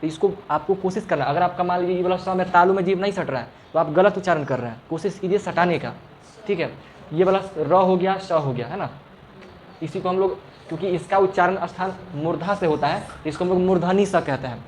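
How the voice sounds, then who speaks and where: A man's voice: high voice, brisk, a little hiss or hum. A male teacher giving a classroom lesson, patiently explaining and repeating each sound for the students. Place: classroom with a fan running.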